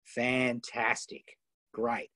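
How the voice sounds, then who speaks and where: An Australian man hosting a live online coaching session, enthusiastic and firing off quick questions over a video call. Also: mid-range voice, completely flat delivery, sharp tone, no echo. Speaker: host and coach.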